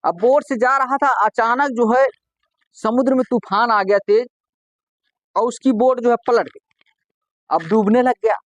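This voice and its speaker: A man's voice: very high-pitched, measured pace, long pauses, dry recording. A man performing stand-up comedy, telling folksy jokes conversationally and acting out the dialogue in them.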